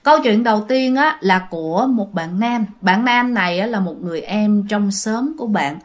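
A woman's voice: mid-range voice, animated, moderate pace. A woman hosting a channel and telling a ghost story in a chatty way, often speaking straight to her listeners. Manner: chatty, addresses listeners directly. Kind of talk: spoken ghost story narration.

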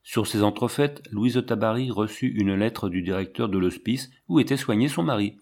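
A man narrating an audiobook in a measured, dramatic reading. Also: fairly low pitch, darkish tone.

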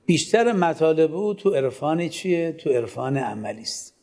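A man's voice: fairly high pitch, very animated, a little mellow. Man lecturing with rhetorical questions. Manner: poses rhetorical questions and answers them himself; gives students direct instructions. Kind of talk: classroom lecture.

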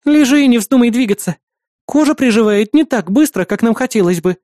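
A man's voice: very high voice, lively intonation, a little fast, dark tone, no room sound, clean studio sound, voice pushed up. A man voicing a bossy, jealous young woman in an audiobook, scolding and bickering. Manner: indignant, bickering. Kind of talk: audiobook character voice.

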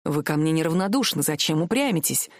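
A woman voicing a young male prince who is calm, self-assured and teasing, for an audiobook. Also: low-pitched, brisk, no room sound, clean studio sound, pitched below the performer's own voice. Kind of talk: audiobook character voice.

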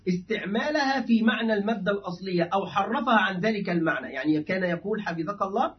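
Male sheikh lecturer, high voice, explanatory classroom manner, muffled far-off lecture recording. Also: expressive, fast talker. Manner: explanatory, acts out dialogues with a student. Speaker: sheikh teaching a book. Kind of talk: classroom lecture on Arabic linguistics.

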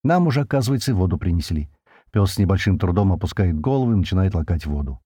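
A man's voice: low-pitched, very animated, fast, warm tone, dry recording, studio quality. A man narrating a first-person audiobook in a colloquial, slangy way.

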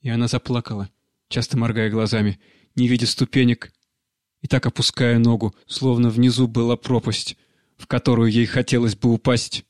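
Flat, measured male audiobook narrator. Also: medium pitch, no echo, clean studio sound. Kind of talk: audiobook narration of a classic short story.

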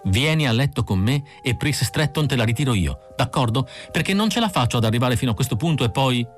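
A man's voice: medium pitch, animated, fairly quick, faint music behind, voice pushed up, close to an everyday voice. A man voicing a weary young female android. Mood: urgent. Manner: raised, light voice for the woman. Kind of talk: audiobook character reading.

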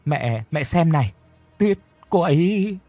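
A man's voice: fairly high pitch, lively intonation, takes it slowly, dark tone, no room sound, soft background music, pitched above the performer's own voice, heavily acted. A man voicing a shaken young man who stammers urgently.

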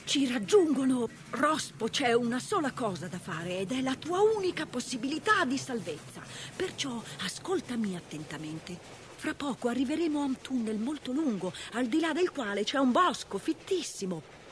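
A woman voicing a gruff but kindly male train driver who talks in a brisk, emphatic way during a storybook reading. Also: on the high side, big pitch swings, a bit bright, soft background music, pitched above the performer's own voice. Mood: urgent. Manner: brisk, emphatic, calls out orders.

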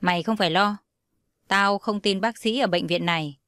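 A woman reading as an anxious young friend in an audio story, blunt and hurried, with a bossy edge. The sound is dry and close. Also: medium pitch, a bit bright, smooth, no echo, close to an everyday voice. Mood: urgent.

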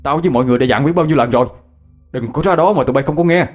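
A man voicing an angry village father who scolds loudly and quickly. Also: a little high, voice pushed up, lightly acted. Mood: scolding. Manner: loud, fast scolding.

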